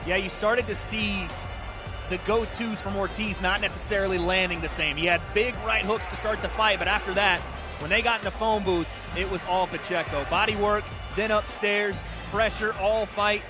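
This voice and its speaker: Male boxing desk analyst, high voice, conversational breakdowns, music underneath. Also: steady tone, moderate pace. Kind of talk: conversational live fight analysis.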